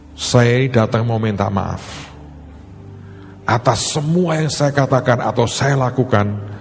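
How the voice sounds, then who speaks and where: A man's voice: mid-range voice, darkish tone. A male pastor, preaching a sermon and acting out both sides of a conversation as he tells a story. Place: large church hall. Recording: hall reverb with faint music.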